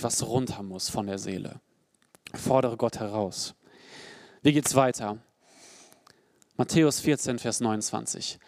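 A young adult man preaching a sermon in an earnest, personal way, rising to emphatic peaks and dropping to quiet, low passages. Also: dry recording, studio quality.

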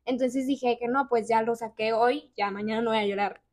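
A young woman with a Mexican accent, co-hosting a casual podcast chat as an animated storyteller who steers the conversation. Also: on the high side, normal speed. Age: young adult. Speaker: podcast co-host.

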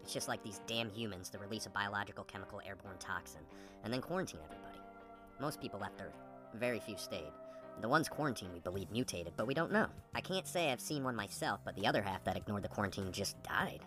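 Man voicing a quick, rambling penguin dad, mid pitch, music under him. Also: expressive, natural voice. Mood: earnest.

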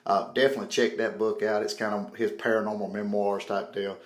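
A podcast host introduces his show, talking casually to listeners in a brisk, fairly low voice with flat delivery. The room echoes, and faint music plays behind him.

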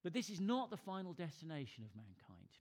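Man, preacher, church sermon, slightly high pitch, earnest, rhetorical questions, rising emphasis. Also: huge pitch swings, brisk. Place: church service.

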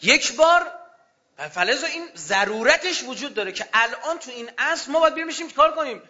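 A man preaching a fervent religious sermon to a gathering, swinging between loud outbursts and hushed low passages. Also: lively intonation, highs cut off.

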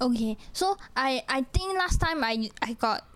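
Young Singaporean woman, slightly high voice, casual Singlish storyteller, conversational and colloquial. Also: expressive, measured pace, a bit bright. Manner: colloquial Singlish with sentence-ending particles. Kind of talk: casual chat, telling personal stories.

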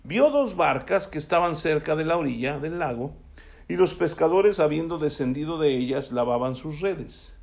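A man preaching a sermon. He reads scripture aloud, then explains it conversationally and checks in with his listeners through quick tag questions. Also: fairly high pitch, animated, creaky, darkish tone. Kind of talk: sermon with Bible reading.

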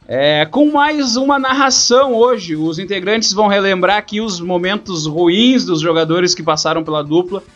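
High-voiced southern Brazilian male host, dull sound. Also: moderate pace, hardly any pauses, a bit bright. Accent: southern Brazilian, Rio Grande do Sul. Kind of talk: casual football show hosting. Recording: dull lo-fi sound, music behind.

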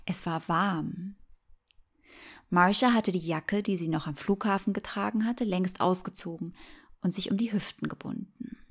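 A woman narrating a bedtime sleep story in a calm, soothing, gentle and unhurried way. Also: fairly low pitch.

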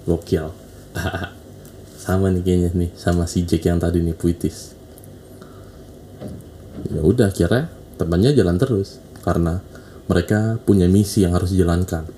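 A man talks through a casual monologue of relationship advice, slangy and preachy, circling back to the same points. His voice is low and very dark, almost mellow, with a faint hiss of noise behind it. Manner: slangy, preachy, repeats himself.

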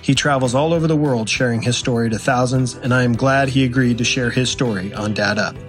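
Enthusiastic male announcer read, mid pitch, faint music behind. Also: brisk. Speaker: podcast host. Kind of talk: scripted show introduction.

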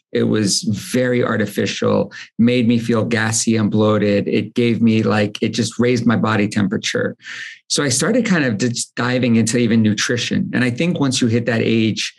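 Male guest, 40s, gravelly texture, earnest storyteller who stumbles and repeats at sentence starts. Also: on the low side. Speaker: guest, company founder. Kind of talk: casual storytelling conversation.

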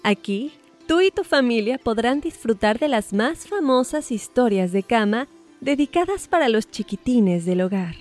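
Woman reading a smooth promo. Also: high voice, a little mellow. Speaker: ad announcer. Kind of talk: scripted promo read.

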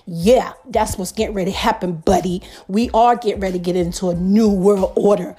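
A woman's voice: mid-range voice, fairly even intonation, a little fast, mellow, slightly rough. A middle-aged woman hosting a podcast, ranting emphatically in profane street slang. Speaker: podcast host.

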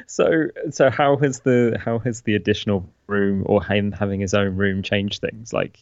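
A man's voice: on the low side, steady tone, moderate pace, darkish tone, dry recording. A man with an English accent chatting casually as a podcast co-host, recorded a little dull on a remote call. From England. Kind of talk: casual chat. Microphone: remote video call.

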